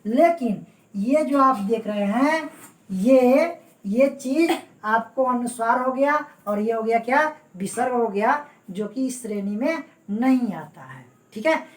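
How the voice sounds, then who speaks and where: A woman's voice: on the high side, lively intonation, takes it slowly, distant mic. A woman teaching Hindi grammar for exam prep. She repeats her points and keeps checking that her students follow, addressing them fondly. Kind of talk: exam-prep classroom lecture. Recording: roomy echo, voice away from the mic.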